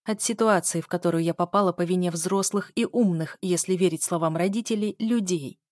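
A woman's voice: on the low side, brisk, darkish tone, no room sound. Woman reading a novel chapter, dry close mic, tense delivery. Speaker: audiobook narrator. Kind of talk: first-person novel narration.

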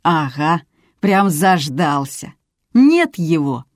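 A woman reading the part of a gruff, rude older male police duty officer who shouts and drawls his words. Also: lowish voice, lively intonation, no room sound, clean studio sound. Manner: boorish, shouting, slow drawl.

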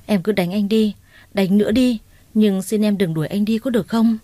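A remorseful young man begs in a soft, pleading way, as a woman reads him in a storybook narration. The voice is mellow and warm. It is recorded dry and close, with no room sound. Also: medium pitch, fairly even intonation, normal speed, dry recording, close to an everyday voice. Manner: pleading, clingy.

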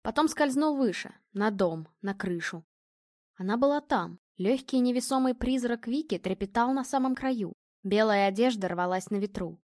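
A woman narrating an audiobook in an expressive storytelling manner. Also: fairly high pitch, moderate pace, no echo, clean studio sound. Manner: expressive storytelling, voicing characters.

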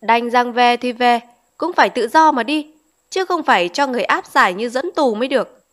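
A woman's voice: a little high, normal speed, fairly bright tone, natural voice. A woman reading aloud voices a proud, feverish young bride who answers back sharply and indignantly.

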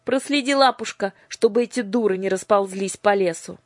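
A woman reading aloud who voices a stern, commanding headmistress shouting orders in a much higher, louder voice. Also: moderate pace, dry recording, clean studio sound, lightly acted. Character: stern imperious headmistress, middle-aged woman.

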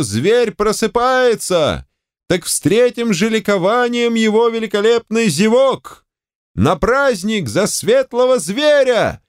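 A coarse, bearded fat professor roars his words at the top of a raised voice. He stretches every shout out slowly and emphatically. The read sounds dry and close. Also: high voice, no room sound, voice pushed up, full character voice. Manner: bellowing, slow emphatic shouting.

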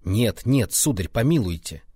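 A man's voice: fairly low pitch, sing-song, moderate pace, dark tone, slightly rough, dry recording, clean studio sound, exaggerated voice. A man reading aloud plays a frightened, deferential manservant who addresses his master humbly. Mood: terrified. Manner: deferential, fearful. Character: terrified old-fashioned male servant, deferential.

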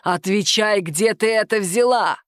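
A woman voicing an angry, bullying male office boss who growls and shouts slowly. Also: mid-range voice, dry recording, clean studio sound, lightly acted. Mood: menacing.

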